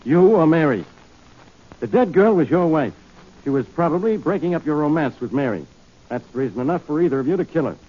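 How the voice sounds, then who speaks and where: Impatient, sarcastic radio police inspector; rapid, very animated, old dull-sounding recording. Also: male voice, fairly high pitch. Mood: accusing, sarcastic. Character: blustering, badgering male police inspector, stubborn and accusing. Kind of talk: 1940s radio detective drama acting.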